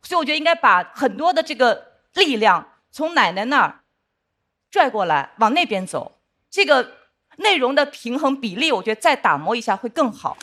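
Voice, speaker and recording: A woman judging a comedy performance, giving measured, thoughtful feedback. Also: on the high side, big pitch swings, a bit bright. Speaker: judge on a comedy show. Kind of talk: critique of a performance.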